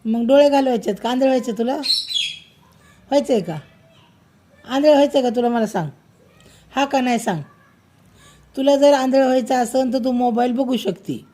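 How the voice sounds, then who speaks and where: A high-voiced mother scolds her child at home, firm and insistent as she keeps repeating the same questions. The recording carries a clear layer of background noise. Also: normal speed, long pauses, darkish tone.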